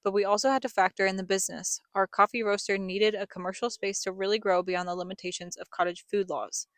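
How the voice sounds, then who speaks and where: A woman's voice: medium pitch, little pitch movement, quick pace, no room sound. Woman narrating a family vlog, dry sound. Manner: reflective, earnest storytelling. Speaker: family vlogger, co-host. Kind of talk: scripted vlog voice-over narration.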